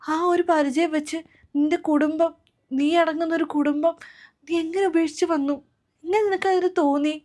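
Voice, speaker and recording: A woman acting as a middle-aged mother in a family web drama, her voice set high. She laments loudly and turns to stern scolding, emotional and insistent throughout. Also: fairly even intonation, moderate pace, natural voice.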